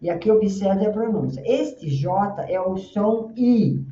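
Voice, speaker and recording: A woman with a Brazilian Portuguese accent teaching an English grammar lesson, patiently explaining and sounding out English words slowly. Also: mid-range voice, expressive, mellow. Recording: roomy, distant, dull lo-fi sound.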